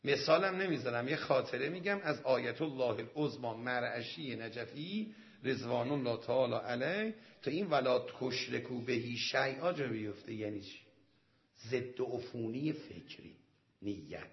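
A male cleric telling a story in a sermon, swinging from quiet asides to loud, emphatic exclamations. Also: medium pitch, expressive. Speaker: cleric preacher. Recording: dull lo-fi recording.

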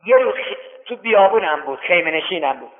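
A man's voice: sits high, expressive. A male preacher telling stories in a sermon, dramatic and repetitive in his retelling. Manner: dramatic retelling with repeated lines. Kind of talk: sermon storytelling. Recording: tinny echoey hall recording.

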